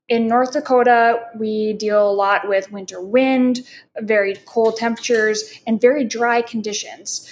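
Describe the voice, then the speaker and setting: Clear-speaking woman podcast host. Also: fairly high pitch, darkish tone. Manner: clear, explanatory. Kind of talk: podcast hosting.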